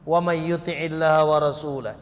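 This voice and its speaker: Male preacher, high voice, bantering sermon delivery, long hall reverb. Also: moderate pace. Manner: lively, teasing the audience with questions.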